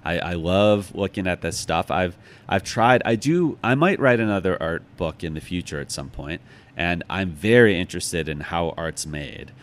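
Being interviewed as an author, a middle-aged Chicago man talks in a deep voice at a moderate pace, casual and reflective, as if thinking aloud. The recording has a clearly noisy background.

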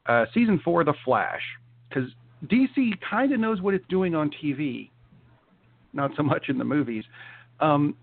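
A man's voice: on the high side, animated, unhurried, gravelly. Hesitant man on a tinny line. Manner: hesitant, many restarts and fillers. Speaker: podcast co-host. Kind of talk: casual chat. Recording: tinny phone-like sound.

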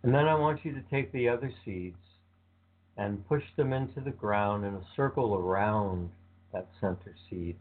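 A man leading a guided visualization meditation with slow, calm, soothing instructions. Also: on the low side. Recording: tinny phone-like sound.

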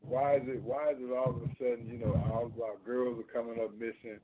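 A male host leading a talk radio discussion, asking pointed questions and repeating key phrases deliberately. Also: medium pitch, little pitch movement. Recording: tinny, noisy phone-like line.

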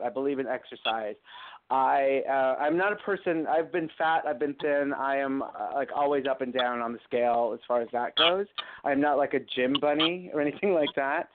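A man chatting casually as an interview guest, talkative and self-deprecating. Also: mid-range voice. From United States. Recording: tinny phone-like audio.

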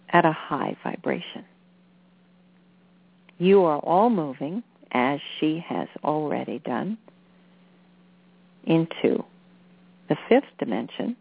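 A woman delivering a channeled spiritual message in a deliberate, soothing manner with halting phrases. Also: sits low, no echo. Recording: phone-like narrow-band sound.

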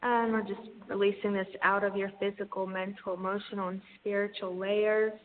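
A woman's voice: mid-range voice, flat delivery, moderate pace. A woman guiding a spiritual energy healing session in a soothing, mystical healer's manner. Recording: tinny phone-like line with hiss.

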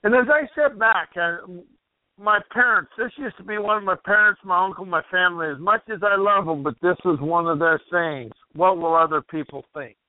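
A high-pitched man, talking a little fast, hosts a motivational radio call-in show with no echo on the sound. He meanders and poses questions to the listener while his voice is going. It all comes through a tinny phone-like line.

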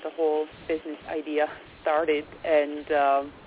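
A quiet, hesitant young woman with a Czech accent talks slowly as a guest on a radio show. She pauses often with fillers. Her voice comes through a narrow phone-like line with faint hiss. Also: low-pitched, little pitch movement. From Czech Republic. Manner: quiet and soft-spoken, hesitant with many fillers. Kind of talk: radio interview.

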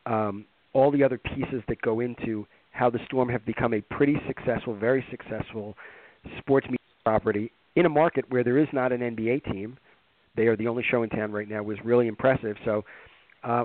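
A man's voice: mid-range voice, no echo. A man hosting a sports business podcast with a nasal voice from a head cold, talking in a rambling, conversational way with many fillers. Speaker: podcast host. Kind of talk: casual podcast chat. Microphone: remote call. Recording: tinny phone-line sound, dry.

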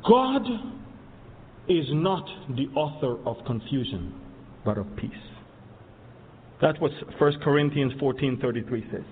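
Israeli-born guy preaching, gets loud and emphatic, thin phone-like audio, long reverb. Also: mid-range voice, very animated, a little slow, pauses often, a little hiss or hum. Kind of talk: sermon on Bible prophecy. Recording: tinny phone-like sound with long hall reverb.

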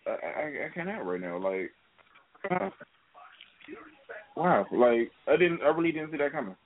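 A man's voice: fairly high pitch, very animated, measured pace. Hesitant man with many fillers, phone-like. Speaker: podcast host. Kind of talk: casual chat. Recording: tinny phone-like line.

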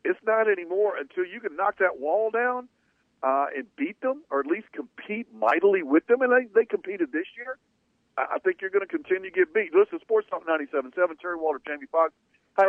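Male sports-talk host, slightly high voice, argues his points, thin tinny broadcast crackling with fuzz distortion. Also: lively intonation, a little fast, no room sound. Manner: opinionated, conversational, rhetorical questions. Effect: fuzzy, distorted radio signal. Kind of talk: sports talk radio chat.

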